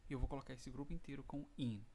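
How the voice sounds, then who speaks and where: A man with a Brazilian Portuguese accent, teaching an English lesson online and reading the English examples out slowly. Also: mid-range voice, fairly even intonation, dark tone, a little hiss or hum.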